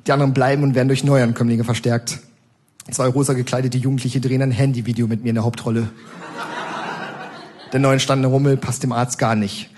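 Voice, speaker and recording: A man giving a comic stage reading of his own texts, narrating in the first person in a dry, deadpan way. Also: medium pitch, brisk.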